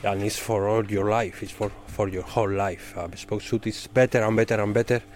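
Here the Spanish undercutter in bespoke tailoring, middle-aged or older, speaks in a lowish, fairly even, slightly mellow voice at a brisk pace. He answers interview questions explaining his craft in careful non-native English, with a little hiss or hum on the recording.

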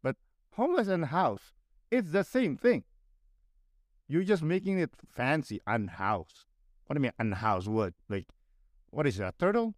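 Very animated at a moderate pace with long pauses, a young Filipino man speaks in a slightly high voice with a Filipino accent. As a podcast guest he's blunt, profane, and mocks others using put-on voices, recorded in studio quality with no echo.

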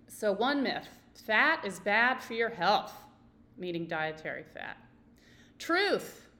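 A woman hosts her own podcast, talking straight to the listener. She is emphatic and fired up, with her emphasis swinging widely from line to line. Her voice sits at an ordinary middle pitch for a woman. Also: fairly bright tone. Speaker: podcast host. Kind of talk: solo podcast monologue.

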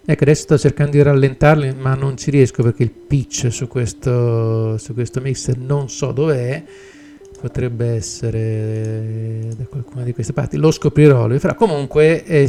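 A man with a gravelly, mellow voice hosts a live podcast. He talks casually and keeps pausing and restarting as he works the mixer. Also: medium pitch, fairly even intonation, slight background noise. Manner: hesitant, full of fillers and restarts while working the gear. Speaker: podcast host.

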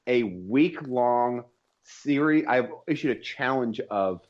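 A man's voice: mid-range voice, lively intonation, slow pace, lo-fi sound. A man co-hosting a podcast in casual, bantering conversation. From southern United States, Atlanta area. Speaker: podcast co-host.

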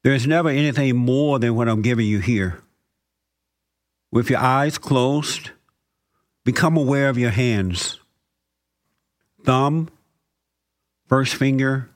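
Slow, calm man guiding a meditation. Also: medium pitch. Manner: slow, calm instructions with repeated phrases and scripture. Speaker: meditation guide.

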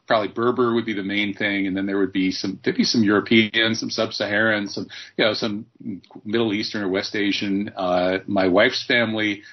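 A man hosting an interview, explaining points in a measured, lecturing way. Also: fairly low pitch, flat delivery, lo-fi sound. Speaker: interviewer host. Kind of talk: interview conversation.

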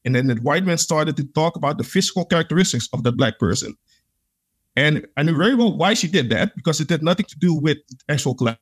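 Talking quickly with lively intonation, a Dutch man with a high-ish, breathy voice recounts personal experiences as a podcast guest. He's an adult, earnest and reflective, and he fills his interview storytelling with "like."

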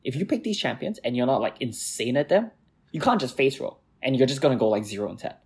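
A man's voice: mid-range voice, fast talker, gravelly, breathy edge. A man co-hosting a gaming podcast, talking casually and getting worked up as he rants about teammates. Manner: excitable, worked up, ranting. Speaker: podcast co-host, jungle player.

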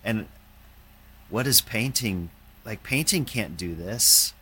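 A man, a painter, talking in a halting, reflective way, with many fillers and restarts. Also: fairly low pitch, lively intonation, pushed and bright, breathy edge. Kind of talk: casual conversation.

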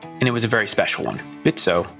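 A man's voice: fairly low pitch, quick pace, gravelly, bright, forceful tone, faint music behind. A man hosting a podcast, reading a scripted guest introduction and then asking questions. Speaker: podcast host.

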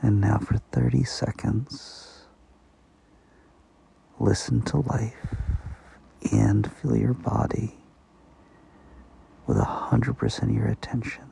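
A man softly guiding a sleep meditation, speaking slowly and slipping into whispers. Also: fairly low pitch, animated, creaky, a little hiss or hum. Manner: slow, soft-spoken, partly whispered. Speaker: meditation guide.

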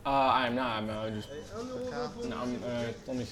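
A man joins in a casual podcast chat. His pitch sits in the middle of the male range. He talks in a playful, teasing way. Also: little pitch movement, normal speed, a crowd in the background.

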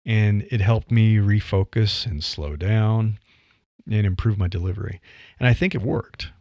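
A fairly low-pitched man speaks a little slowly in a muffled recording with no room sound. A middle-aged Midwestern podcaster and writer, he offers a conversational reflection on voice delivery, laughing lightly and leaning on "you know."

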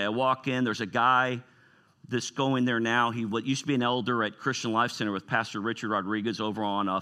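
Bright-voiced middle-aged preacher. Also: male voice, medium pitch. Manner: storytelling, conversational, emotional asides. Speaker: retired pastor. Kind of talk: informal sermon talk.

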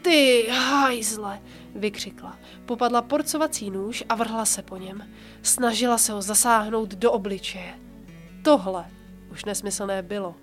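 A woman hosting a podcast reads a book passage aloud and adds her own commentary. Her medium-pitched voice is calm and measured, slowing and softening when she wants to emphasize something.

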